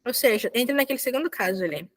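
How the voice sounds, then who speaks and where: A woman's voice: a little high, animated, rapid-fire, a bit bright, a little hiss or hum. A young woman teaching a casual online language lesson, chatty and often correcting herself and checking in with students. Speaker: volunteer Korean teacher.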